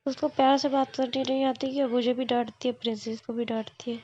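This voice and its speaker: A woman's voice: on the high side, level tone, brisk, mellow, dull audio, a little hiss or hum, close to an everyday voice. A woman voicing a bossy, sulky tomboyish young woman, making petulant threats in a storybook reading. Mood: complaining.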